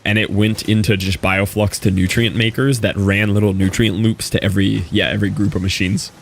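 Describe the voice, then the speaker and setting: A man's voice: on the low side, gravelly, a little hiss or hum. A young man streaming a game, talking casually in a rambling, laid-back way with lots of fillers. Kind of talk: casual live-stream commentary while playing.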